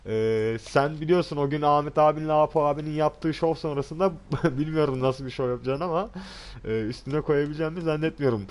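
A man's voice: a little high, fairly quick, few pauses. A young man hosting a live gaming stream, chatting with teammates and greeting viewers by name. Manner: lively, greets chat viewers warmly, laughs often. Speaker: streamer host.

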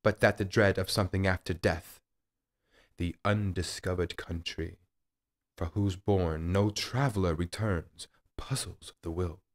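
A man playing Hamlet as a brooding, tormented prince in a theatrical Shakespearean monologue, deliberate, with dramatic pauses and dynamic swells. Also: deep voice. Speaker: actor.

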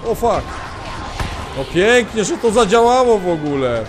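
Excitable man commenting on a game. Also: sits high, unhurried. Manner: excitable, swearing, exclaiming at the game. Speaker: gamer. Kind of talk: let's play commentary. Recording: voice over game music.

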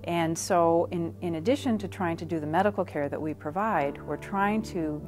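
A woman's voice: on the low side, moderate pace, music in the background. A woman in her fifties, a clinic doctor, speaking earnestly in a documentary interview in her office. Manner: earnest, reflective.

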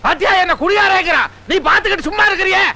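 An actor playing a grumpy, quarrelsome middle-aged wedding guest in a film comedy, talking in a sarcastic, scolding way. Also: male voice, very high-pitched, racing, creaky, sharp tone, full character voice.

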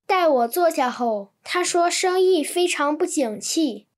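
A woman reading translated textbook sentences in an even, clear manner. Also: extremely high pitch, measured pace. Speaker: Chinese translation reader.

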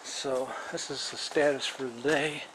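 A middle-aged man casually narrating a walkthrough of a building site outdoors, filming on a handheld camera and pausing often with fillers. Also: medium pitch, fairly even intonation, noisy background. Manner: rambling, plain-spoken, pauses with fillers while filming. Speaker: vlogger documenting a house build. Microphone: handheld camera mic while walking.

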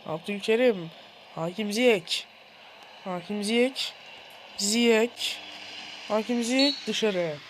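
A gamer commentating their own football video game match in a playful mock-commentator style, excitable and shouting at the players, with a sore throat. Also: medium pitch, extremely slow, long pauses, a little hiss or hum.

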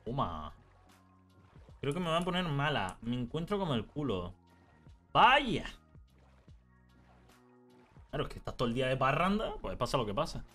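With soft music playing behind him, a young man with a Canarian accent and a medium-pitched voice keeps up a casual, teasing gaming-stream chat. He's an animated storyteller whose mood flips quickly.

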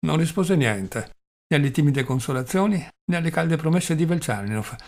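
A man's voice: on the high side, animated, moderate pace, a little mellow. Man reading a novel aloud. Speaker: audiobook reader. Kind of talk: scripted narration of a novel.

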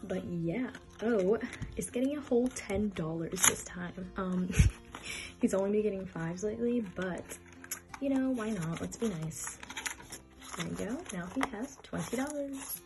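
A budgeting vlogger in her twenties chats casually while counting bills aloud and stuffing envelopes, getting flustered now and then. Her mid-range voice is animated and a little slow, with background music behind her.

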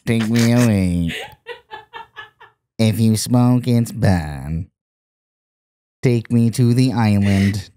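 A man putting on a flat robotic electrolarynx voice, as in an anti-smoking ad, in a slow droning monotone. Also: fairly low pitch, noisy background, voice pushed down. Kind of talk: podcast banter impression.

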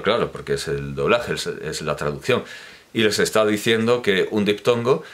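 In a spoken opinion monologue, a commentator on language teaching lectures pedantically, correcting and explaining points at length with hesitations and restarts. His voice is low-pitched but fairly bright in tone.

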